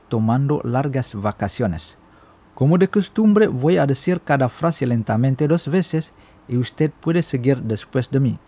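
Guy teaching a language on the radio, super slow, says every word twice. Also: mid-range voice, warm tone. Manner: repeats each word slowly twice. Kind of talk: slow scripted language lesson. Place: radio studio.

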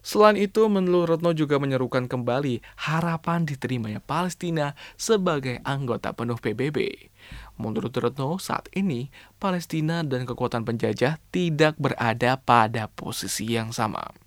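A man's voice: medium pitch, moderate pace, dry recording. A man with an Indonesian accent presenting scripted radio news in a formal announcer delivery, stressing the openings of phrases. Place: radio studio.

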